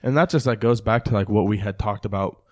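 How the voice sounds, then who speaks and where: Lowish male co-host, casual and chatty, leans on fillers. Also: fast talker. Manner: chatty, heavy on like and you know. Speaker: podcast co-host. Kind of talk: casual podcast chat.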